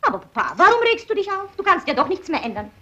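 A headstrong young daughter, quick and cheeky. Her high voice is bright and sharp, and she talks fast. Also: very animated, soft background music, heavily acted. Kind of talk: 1960s film comedy acting.

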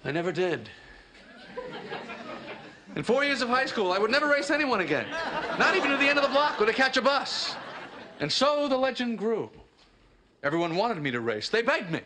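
A man's voice: very high-pitched, pushed and bright, a little hiss or hum, full character voice. An actor in his thirties playing a wry comedian who tells stories with theatrical flair in a sitcom. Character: wry male comedian, neurotic and jokey. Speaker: sitcom lead. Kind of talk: sitcom acting. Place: studio apartment set. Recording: sitcom audio with audience laughter.

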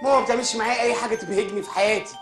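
A whiny spoiled grown son. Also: male voice, high-pitched, fairly even intonation, a bit bright, faint music behind. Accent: Egyptian Arabic. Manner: whiny, petulant, quick-tempered. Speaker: lead comic actor. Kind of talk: animated sitcom voice acting.

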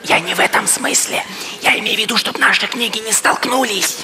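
An actor playing a timid but eager male library visitor in his thirties, hushed and hesitant, in a stage comedy sketch. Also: high-pitched, a little fast, natural voice. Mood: earnest. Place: large indoor theatre stage. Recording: noisy live theatre, audience crowd.

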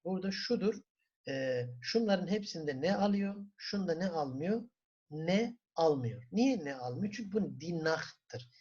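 Husky Turkish-accented man teaching German. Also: sits high, expressive, a little mellow. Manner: asks the class questions and answers them himself; repeats words slowly for pronunciation. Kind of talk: classroom lesson. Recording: dull lo-fi recording.

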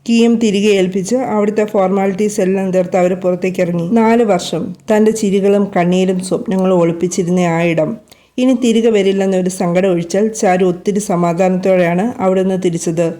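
A woman storyteller reads a romance aloud at an even, gentle pace. Her voice is warm and mellow, sitting in a middle pitch. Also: brisk. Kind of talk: scripted storybook narration.

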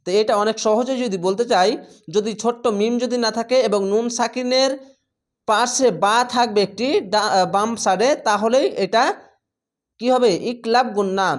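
A man teaching Quran reading step by step. He spells out each letter and vowel slowly, then blends them into the word. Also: high voice. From Bangladesh. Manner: drawn-out chanting on Arabic words.

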